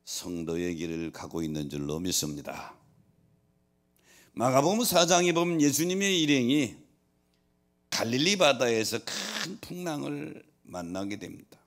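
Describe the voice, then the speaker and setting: Gravelly low-voiced male pastor preaching. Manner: preaching with rising emphatic scripture quotes and soft asides. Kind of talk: sermon.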